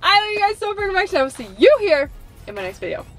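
A young woman chatting excitedly in a casual vlog, filmed in her car at a drive-thru. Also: very high-pitched, fast, crowd noise. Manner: bubbly, excitable, squeals when thrilled. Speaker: vlogger.

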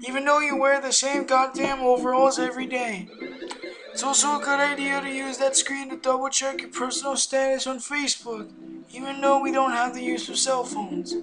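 A man voicing a fussy elderly male steward from a video game, who talks slowly and formally with a quaver. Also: very high voice, level tone, pitched above the performer's own voice. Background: game music.

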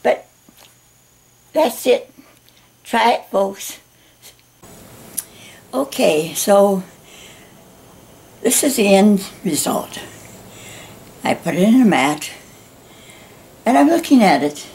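A woman in her nineties, gently encouraging viewers at the end of a painting lesson, slow and warm in manner, her voice going hoarse. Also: medium pitch, sing-song. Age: 90s. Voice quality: gravelly. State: losing her voice. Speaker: art instructor. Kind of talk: painting tutorial talk.

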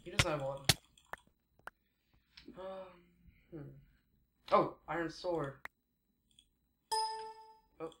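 Very slow and full of long pauses, this teenage boy's fairly high, slightly bright voice stays fairly even in intonation. As a gaming YouTuber, he offers rambling, casual commentary during a Let's Play, often correcting himself mid-sentence. Noise and echo fill the room behind him.

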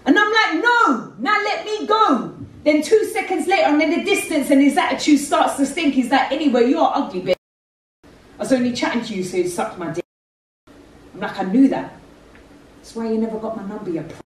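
A woman's voice: sits high, expressive, brisk, recorded from a distance. A woman, performing spoken word poetry on a theatre stage into a handheld mic, with rhythmic street-inflected delivery. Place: theatre stage with red curtains. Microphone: handheld mic, far camera. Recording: very echoey hall, heard from afar.

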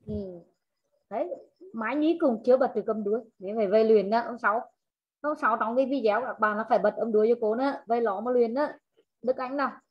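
A woman English teacher in an online class, slowly modelling words, repeating them and correcting her students' pronunciation. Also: a little high, lo-fi sound, slight background noise. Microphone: video call.

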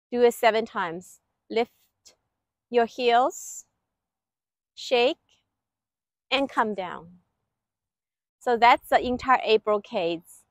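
A woman's voice: a little high, dry recording. A middle-aged woman instructing a qigong routine step by step in short, clipped directive phrases. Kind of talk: exercise instruction, step-by-step cues. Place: outdoor lakeside paved terrace.

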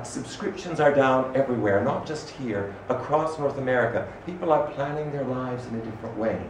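A middle-aged man from Canada giving an animated, expressive public talk as an arts director in a small room. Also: medium pitch. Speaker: arts director speaking at a salon. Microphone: standing microphone. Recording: echoey room from far off, faint noise.

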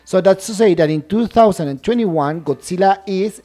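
A woman teaching English over a shared screen, checking in often with her viewers and saying English phrases slowly and deliberately. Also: medium pitch, warm tone, soft background music. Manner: addresses viewers as a group, checks understanding often. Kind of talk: screen-share language lesson.

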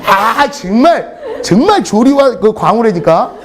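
A middle-aged man teaching English tells comic, blunt classroom stories, freely swearing for laughs. His high voice swings widely in pitch and runs a little slow, giving the storytelling a lively feel.

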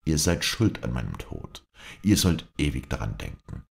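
A man's voice: extremely low pitch, big pitch swings, moderate pace, gravelly, exaggerated voice. A man voicing a young sculptor, a jilted lover speaking in bitter, proud accusations.

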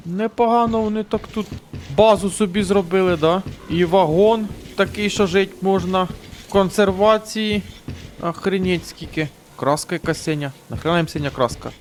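A man with a fairly high voice talks through a shooter game in a loose, chatty way. He swears often and jokes to himself. Game music plays clearly behind him. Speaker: gaming channel host. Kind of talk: casual let's-play commentary. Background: game music and gunfire.

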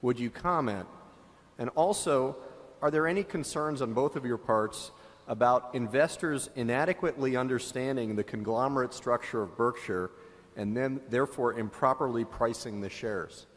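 A man's voice: medium pitch, normal speed. A man in the audience politely asking a prepared, formal question at a shareholder meeting. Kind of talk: prepared question read from notes. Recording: long hall reverb from arena mic.

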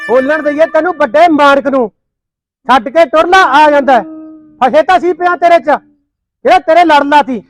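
A man's voice: very high-pitched, moderate pace. A man playing a blunt brother who berates his sister's husband in a homemade comedy film. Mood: scolding. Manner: scolding, insulting. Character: angry brother-in-law, scolding and blunt.

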